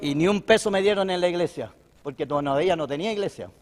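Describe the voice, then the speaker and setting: A middle-aged man with a Chilean accent preaches to fellow pastors in a fairly high voice, talking in a folksy, brotherly way before building to fervent, loud declarations. His words ring out with a long reverb, as if the room is a large hall. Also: fast. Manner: folksy, keeps calling listeners "hermano". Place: church hall at a pastors' breakfast.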